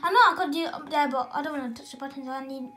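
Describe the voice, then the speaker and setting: A female gaming vlogger who sounds excited as she unboxes and talks through a new console in a casual, rambling way, often correcting herself mid-sentence. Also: high voice, very fast. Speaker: gaming channel host.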